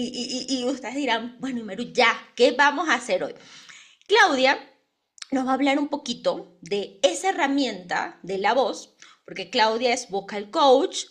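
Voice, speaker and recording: A woman's voice: a little high, fairly bright tone. A Venezuelan woman hosting an interview, introducing her guest with rhetorical questions to the listeners. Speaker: podcast host. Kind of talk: warm conversational interview introduction.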